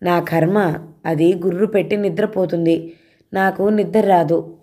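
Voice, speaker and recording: A woman's voice: on the low side, steady tone, unhurried, mellow. Woman doing a self-pitying flirtatious married man.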